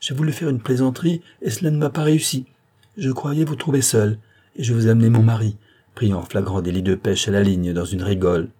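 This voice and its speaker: A man's voice: medium pitch, a little fast, mellow, lightly acted. A man voicing a playful young wife in an audiobook, with teasing commands.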